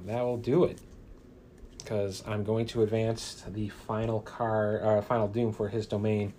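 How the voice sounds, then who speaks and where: With a warm, level voice on the lower side, a man plays a card game on his own, giving the card text a dramatic reading. Between cards he chats casually, hesitating and using fillers, and there's a slight hiss or hum in the audio.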